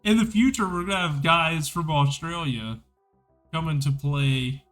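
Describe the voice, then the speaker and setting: Slow-talking enthusiastic male podcast host. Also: fairly high pitch, a bit bright, soft background music. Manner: chatty, enthusiastic, rambling. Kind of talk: casual hockey podcast livestream.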